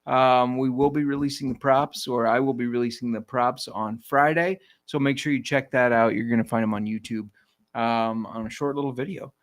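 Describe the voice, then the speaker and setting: Male podcast co-host, mid pitch, loose joking chat with restarts. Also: fairly even intonation, normal speed. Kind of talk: casual chat.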